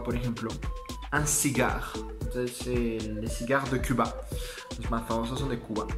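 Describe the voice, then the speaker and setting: A man with a French accent, a native French speaker, hosting a casual video lesson, upbeat and slowing down to pronounce words while laughing at himself. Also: mid-range voice. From France. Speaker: YouTube host.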